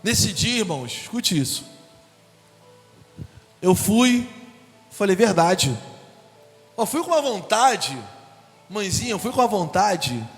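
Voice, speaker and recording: A man's voice: sits high, unhurried, pauses often. A man preaching a testimony sermon, telling his story and acting out the dialogue. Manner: animated storytelling, acts out dialogue. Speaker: guest preacher. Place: church hall. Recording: long hall reverb with faint music.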